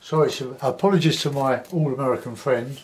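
A man's voice: mid-range voice, brisk, a little hiss or hum. Older South London man, murmuring as he paints. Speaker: painting tutor. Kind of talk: casual demonstration commentary while painting. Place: small cluttered home studio, indoors.

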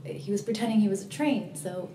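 Woman acting a remorseful young female recovering addict, halting confessional monologue, roomy echo, noisy background. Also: medium pitch, warm tone, natural voice. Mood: subdued, confessional. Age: young adult. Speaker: actor performing a monologue. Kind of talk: dramatic monologue, naturalistic acting. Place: small plain room indoors. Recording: echoey, noisy room, distant mic.

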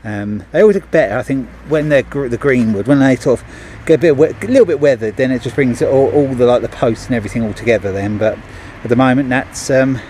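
A middle-aged handyman talks quickly, with hardly any pauses, in a medium-pitched, slightly mellow voice. Wearing an action camera, he chats casually about his completed work at a driveway gate outdoors, with many ums and restarts, and there's a little hiss or hum.

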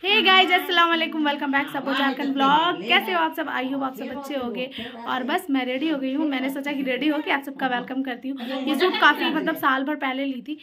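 A young woman with a high voice talks fairly quickly and with fairly even intonation, chatting casually and teasingly to her phone as she vlogs a family trip. She's outdoors at a busy fair, with crowd noise and traffic audible behind her.

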